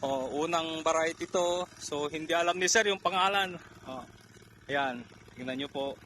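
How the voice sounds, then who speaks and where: A winded man narrates a promo tour of an onion field outdoors, his voice a touch high. He talks excitedly to viewers about the crop. A faint outdoor hum sits behind him. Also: moderate pace. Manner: excited, keeps pointing out crop size. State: out of breath. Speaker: fertilizer promoter.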